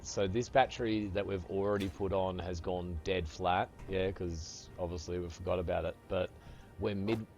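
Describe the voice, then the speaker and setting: A man's voice: low voice, steady tone, normal speed, darkish tone, highs cut off. A man around fifty, chatting casually with viewers while he plays a game, swearing freely and calling them brother. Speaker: streamer. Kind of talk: casual live-stream chat while gaming. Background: faint music.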